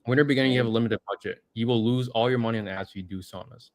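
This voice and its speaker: A man's voice: mid-range voice, racing. A man hosting a casual livestream Q&A, reading viewer comments aloud in a laid-back way. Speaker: livestream host.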